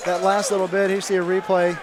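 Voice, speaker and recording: High male voice, flat intonation, casual live fight commentary, noisy crowd. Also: quick pace. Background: crowd noise.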